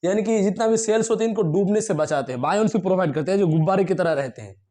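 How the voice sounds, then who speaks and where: Guy with a high voice teaching biology class, asks q's and answers them himself. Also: fast, mellow. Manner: explains with questions he answers himself. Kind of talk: classroom lecture to students.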